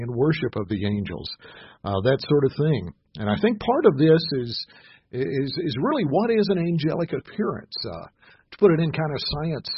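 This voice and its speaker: A man giving a sermon, often pausing with fillers and restarts, reading scripture aloud slowly and with emphasis. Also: mid-range voice, slightly rough, dry recording, highs cut off. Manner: halting, many "uh" fillers and restarts. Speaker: pastor.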